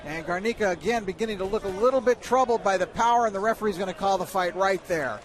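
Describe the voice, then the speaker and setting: A man's voice: high-pitched, quick pace, a faint crowd. A man giving live boxing commentary and analysis as a ringside commentator.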